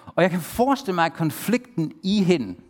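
A man with a fairly high voice preaches a sermon in a lively way, turning to the congregation with questions and acting out the people he quotes. His voice rings with a long reverb from a large hall.

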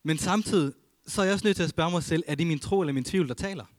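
A man preaching a sermon as a pastor, earnest, rising to emphasis and dropping to a hush, reading scripture aloud. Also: a little high, no room sound. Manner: earnest, swings between emphatic and hushed.

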